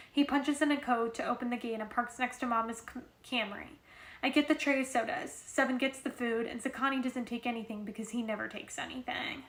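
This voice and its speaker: A woman's voice: a little high, fairly bright tone. A woman reading a novel aloud in a casual way, with occasional restarts. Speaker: reader. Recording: roomy echo.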